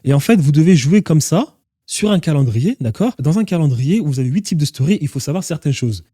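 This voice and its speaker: A man's voice: a little high, animated, a little fast, dark tone, breathy edge, no room sound, studio quality. A man teaching an online course as a business coach, speaking directly to viewers and laying out steps in short, clipped phrases. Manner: direct, instructive, addresses viewers as "vous".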